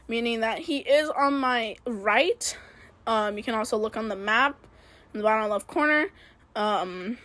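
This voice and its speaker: A high-pitched woman talks through her racing laps in a casual play-by-play. She rambles, grades her own turns, and fills gaps with ums. Her voice is close and dry, with no room sound around it. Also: fairly bright tone, no echo. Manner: rambling play-by-play, self-critical, many fillers. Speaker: gaming video creator. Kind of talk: casual racing game commentary.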